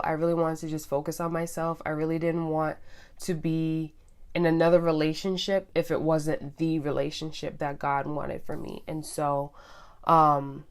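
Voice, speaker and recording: A woman's voice: deep voice, clean tone. A young woman vlogger casually telling her personal story, candid and chatty with lots of ums and likes. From Guyana and Trinidad heritage.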